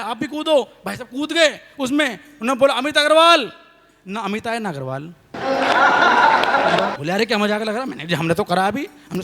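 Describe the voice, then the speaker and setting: A young man performing comic poetry on stage, telling a lively story and calling on the audience to clap. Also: high voice. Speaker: stage comedy poet. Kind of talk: live comic poetry recital. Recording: long hall reverb on a live stage.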